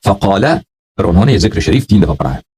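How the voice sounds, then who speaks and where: Husky low-voiced male religious teacher. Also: animated, warm tone. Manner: recites Arabic slowly, then explains with repetitions and checks like "right?". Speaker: religious scholar teaching prayer. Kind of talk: explaining an Arabic hadith text line by line in Urdu.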